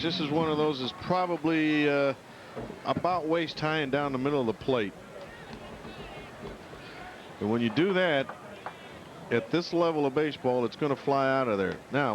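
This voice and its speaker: A man's voice: on the high side, moderate pace. A man giving conversational baseball color commentary in a folksy, colloquial way. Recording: noisy outdoor ballpark broadcast. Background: ballpark noise.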